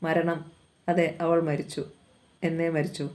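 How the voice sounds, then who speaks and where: Calm even voice reading a novel out loud, pretty flat, mellow. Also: medium pitch, a little slow. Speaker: novel reader.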